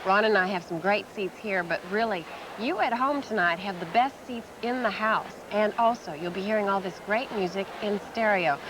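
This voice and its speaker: A woman's voice: mid-range voice, moderate pace. A woman co-hosting a television broadcast, presenting a live event conversationally. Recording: clear background venue noise.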